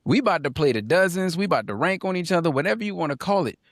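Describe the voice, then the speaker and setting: A man's voice: fairly high pitch, animated, rapid-fire, dry recording, studio quality. A man co-hosting a casual podcast panel, talking emphatically, repeating lines for punch and reading viewer comments aloud. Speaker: podcast co-host.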